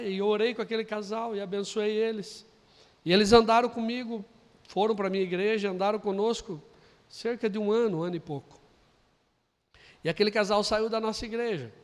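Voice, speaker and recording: A Brazilian man preaching a sermon, telling a story quietly and then building to loud, emphatic preaching. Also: high voice. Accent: Brazilian Portuguese. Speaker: pastor. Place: church hall. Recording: long hall reverb.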